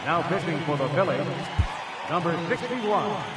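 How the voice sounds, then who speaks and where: An actor playing a formal stadium announcer, heard over a PA system from a distance, drawing out the names slowly. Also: male voice, on the high side, lively intonation. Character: adult male stadium announcer, formal and measured. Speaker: ballpark announcer in a video game. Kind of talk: formal public-address announcing. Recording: distant loudspeaker voice over a loud crowd. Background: loud crowd and stadium noise.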